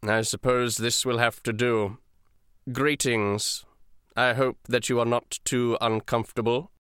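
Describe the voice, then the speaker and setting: A man's voice: medium pitch, flat delivery, unhurried, fairly bright tone, smooth, no room sound, clean studio sound, lightly acted. A man voicing a cold, haughty male dragonborn assistant who speaks formally and sarcastically. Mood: icy formal.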